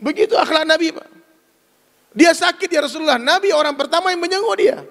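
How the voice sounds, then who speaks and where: A man delivers an emphatic, animated sermon in a voice pitched very high for a man, with a gravelly, crackling edge. He calls out to his listeners directly as he drives each point home. His words ring out with a long reverb, as if he stands in a large hall before an audience. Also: a little fast. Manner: emphatic and animated, addresses listeners as "Pak", acts out dialogues. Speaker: preacher. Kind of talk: sermon to a gathering.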